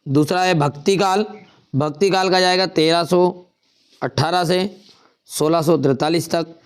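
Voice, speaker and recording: A young adult male teacher, walking through an exam paper and repeating key answers slowly as if dictating. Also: fairly high pitch, steady tone, smooth.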